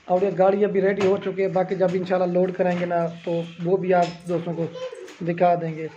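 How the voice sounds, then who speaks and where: A man's voice: high-pitched, completely flat delivery, lo-fi sound. A middle-aged man with a Punjabi Pakistani accent who hosts a casual goat farm sales video, talking in a chatty, repetitive, promotional way. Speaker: goat farm owner and host. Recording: loud farm noise behind.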